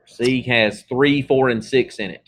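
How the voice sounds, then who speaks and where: A man's voice: medium pitch, measured pace. A man teaching a math class in a casual, conversational lecture, checking in often with his students. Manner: casual, talks through examples with frequent "okay?" checks.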